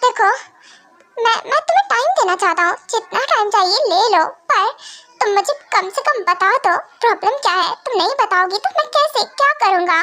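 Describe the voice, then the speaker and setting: Woman putting on a possessive vampire guy, threatening then begging, high bright voice. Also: animated, a little fast, exaggerated voice. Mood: pleading. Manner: alternates threats and tearful pleading. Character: possessive male vampire V, pleading yet threatening. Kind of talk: amateur Hindi fan drama.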